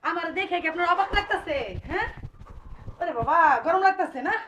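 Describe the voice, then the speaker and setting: A woman playing a shrill, furious wife. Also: brisk, fairly bright tone, a little hiss or hum. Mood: scolding. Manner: shrill scolding, taunting repeated questions. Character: furious first wife confronting her cheating husband. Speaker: actor in a comedy skit. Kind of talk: amateur comic drama acting.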